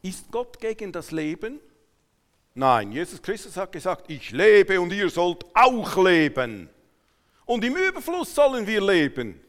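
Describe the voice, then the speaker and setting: A man from Switzerland with a Swiss German accent preaches a sermon to a congregation, emphatically swinging between hushed asides and raised declarations. His voice is high-pitched with big pitch swings and a slightly slow pace, and a long hall reverberation surrounds it.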